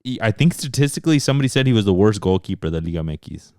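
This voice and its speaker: A man with a very low voice talks soccer in a relaxed, casual way, slipping between English and Spanish. The sound is dry and close to the mic. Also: very fast, no echo. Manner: laid-back, mixes English and Spanish. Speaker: podcast co-host. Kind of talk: casual sports chat.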